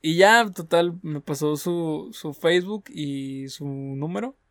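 A man's voice: fairly high pitch, slow pace, fairly bright tone, no room sound, studio quality. A young man with a Mexican accent, hosting a casual podcast, teasing his co-host in slangy chat. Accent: Mexican Spanish. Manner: teasing, slangy, laughs often.

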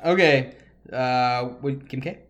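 A man's voice: medium pitch, slow, fairly bright tone. A man co-hosting a casual podcast, joking, swearing freely and moving the talk from topic to topic. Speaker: podcast co-host.

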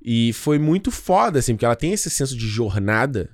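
Fast-talking man in his thirties. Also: medium pitch, dry recording, studio quality. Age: 30s. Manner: fast, slangy and swearing, animated. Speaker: podcast co-host. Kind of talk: casual chat.

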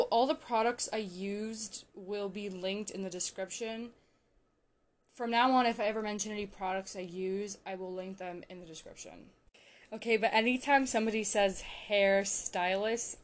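A young woman in a casual reaction vlog, gushing and excitable, talking with lots of filler words. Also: medium pitch. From Canada. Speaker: vlogger reacting to a TV series.

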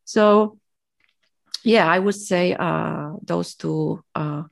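Very slow and creaky, her voice sits fairly low. She's a Polish-native interview guest offering reflective, motivational thoughts, hesitant and full of fillers as she reaches for the right words.

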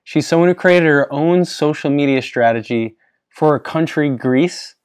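A man's voice: on the high side, moderate pace, smooth, no room sound, studio quality. A man hosting a podcast interview, upbeat and casual, often restarting his sentences. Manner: upbeat, with restarts and false starts. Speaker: podcast host.

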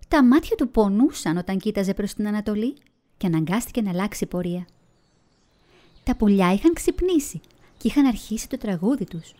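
A woman storyteller narrating a children's fairy tale in an expressive, melodic way. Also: medium pitch. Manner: expressive, melodic reading with vivid emphasis.

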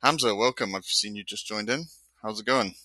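A man with a lowish voice hosts a live online architecture discussion, chatting casually and briskly. He's relaxed and rambling, with frequent fillers and easy laughs. The recording is low quality but has no echo.

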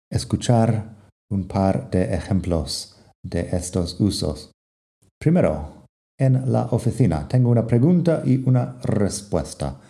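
A male teacher walks through English expressions, reading both parts of each example dialogue. His voice sits fairly low and very warm, and he talks at a slow, patient pace. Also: gravelly. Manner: reads both sides of short dialogues. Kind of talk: explaining English phrases to Spanish speakers.

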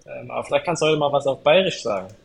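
A man's voice: medium pitch, animated, rapid-fire, gravelly, slightly rough, poor audio. A man co-hosting a podcast in casual chat, talking in a rambling, hesitant way with many restarts. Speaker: podcast co-host.

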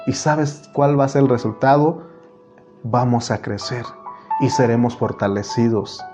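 A man's voice: mid-range voice, fairly even intonation, a little slow. A man from Mexico preaching a sermon, earnest and personal, raising his voice when he quotes others. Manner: earnest, personal anecdotes, rising voice for quoted speech. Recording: muffled recording with faint instrument music.

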